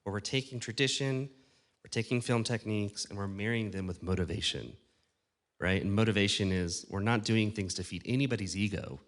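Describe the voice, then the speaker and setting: Man giving a casual talk, lowish voice. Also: brisk. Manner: conversational, asks the audience questions, self-deprecating. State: losing his voice. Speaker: conference speaker on church production. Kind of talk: casual live talk to an audience. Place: conference stage before a live audience.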